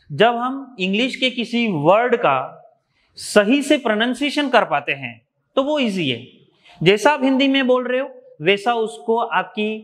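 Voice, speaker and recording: Male teacher from India, high voice, methodical and repetitive. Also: a bit bright. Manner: explains step by step, repeats key terms. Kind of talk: exam revision lecture.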